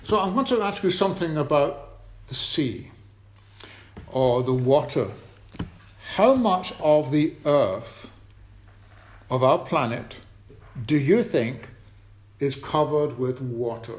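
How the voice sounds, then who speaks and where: A man's voice: fairly high pitch, animated, slow, pauses often. Man preaching in an echoey church. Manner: chatty, asks the congregation questions. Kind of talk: children's talk at a church service. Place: church hall.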